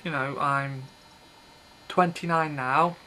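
A video blogger in his thirties rambles to camera from his small red-curtained bedroom, offhand and blunt, repeatedly breaking off mid-thought. His voice is a little high, pushed and bright, slow, and fairly even in intonation, and the built-in webcam mic gives a low-quality recording with slight background noise.

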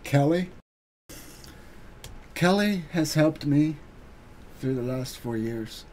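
A man giving an earnest, halting thank-you speech on his live stream, pausing often with ums. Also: fairly high pitch, expressive, darkish tone, slight background noise. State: getting emotional.

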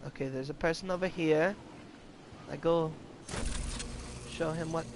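Young male game streamer, slightly high, gravelly voice, crude jokey banter to chat, faint noise behind. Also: steady tone, measured pace. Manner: joking, swears a lot, calls out to chat. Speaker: gaming streamer. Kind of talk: live game commentary.

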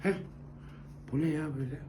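A woman's voice: low-pitched, fairly quick, warm tone, close to an everyday voice. A woman doing a grumbling, whiny young man. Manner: whiny, rough slang. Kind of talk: comedy sketch.

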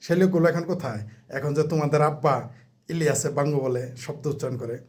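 A man's voice: fairly high pitch, steady tone, brisk, darkish tone. A man, ranting as a political commentator in a mocking, heated way, with crude insults and rhetorical questions.

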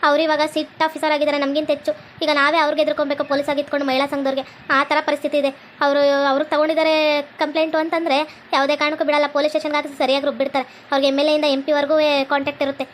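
A woman, scolding and threatening in a village comedy skit. Her voice sits very high and she speaks at a furious pace, with a faint hum of noise behind her. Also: level tone, racing. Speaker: comedy sketch creator playing a police officer.

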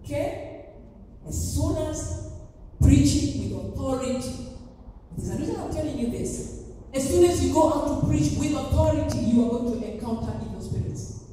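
A woman pastor preaching a sermon emphatically, acting out quoted voices with big jumps in pitch. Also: lively intonation, normal speed, mellow, slight background noise. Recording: echoey hall from far off.

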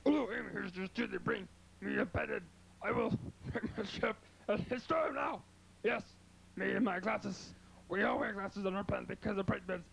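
A man's voice: high-pitched, moderate pace, vocal fry, a bit bright, heavily acted. A man playing a vengeful, bumbling alien in an amateur sci-fi B-movie spoof, with clumsy, offhand threats. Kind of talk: amateur 1950s sci-fi parody acting. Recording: noisy amateur videotape with hum.

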